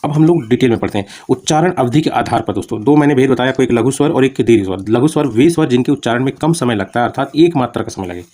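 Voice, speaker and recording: Using repeated examples and plain explanations, a man teaches Hindi grammar to exam candidates and checks in with them frequently. His medium-pitched, dark voice has lively intonation, and he talks fast, repeatedly saying "ठीक है" and "दोस्तों".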